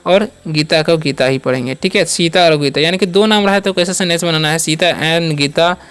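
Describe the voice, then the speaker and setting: A man's voice: fairly high pitch, fairly quick, fairly bright tone, clean tone. A man teaching English words step by step, spelling each word out, quizzing listeners and answering himself, with frequent check-ins. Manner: repeats each word, asks and answers his own questions; ends points with a reassuring check-in. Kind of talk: step-by-step classroom-style lesson.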